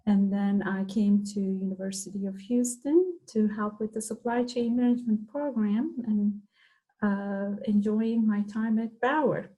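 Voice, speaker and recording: A woman's voice: medium pitch, steady tone, measured pace, dark tone, highs cut off. A middle-aged woman from Turkey, a professor, explaining her field in an interview with frequent fillers. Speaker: guest, professor. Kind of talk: interview conversation.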